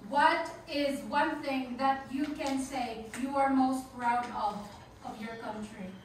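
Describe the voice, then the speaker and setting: A woman's voice: high voice, fairly even intonation, slow pace. A woman in an audience making informal, conversational comments and asking a question. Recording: echoey noisy room, distant mic.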